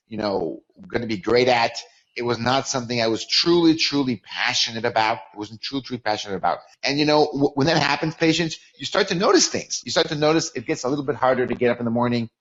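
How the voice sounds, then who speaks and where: On a podcast, a Mexican-born man in his forties with a Californian accent relaxes into telling his life story, frequently repeating himself and restarting words. His voice sits in the mid range, and the sound quality is lo-fi.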